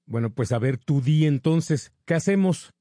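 A man's voice: a little high, expressive, moderate pace, dark tone, no room sound, studio quality. Thor: a man doing a sceptical teenage boy. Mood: incredulous.

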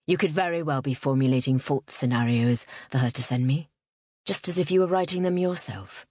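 A woman voicing a stern, controlling older father in a low, firm, measured voice in an audiobook reading. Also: mellow, dry recording. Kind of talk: audiobook narration.

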